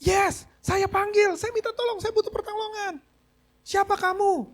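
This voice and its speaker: A man voicing a terrified stranded man who clings to a branch, pleading and shouting for help. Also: extremely high pitch, steady tone, moderate pace, pitched above the performer's own voice. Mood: desperate.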